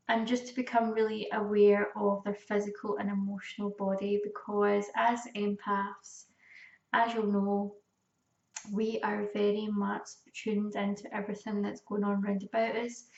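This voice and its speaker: Calm woman, gravelly, in an echoey room. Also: mid-range voice. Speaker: energy healing teacher. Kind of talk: informal spoken lesson. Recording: echoey room, distant dull mic.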